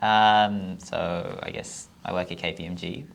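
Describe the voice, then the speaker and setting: Young man from Zimbabwe, podcast guest; very gravelly, hesitant, lots of ums. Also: low-pitched, steady tone, measured pace. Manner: hesitant, with frequent ums and short trailing answers. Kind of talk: casual interview chat.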